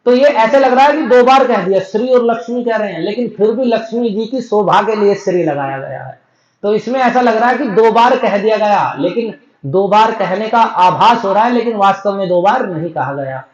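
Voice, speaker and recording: A man teaching a scripture discourse, explaining step by step and chanting verses slowly. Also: sits high, animated. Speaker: spiritual teacher. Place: temple hall. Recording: echoey, dull lo-fi recording.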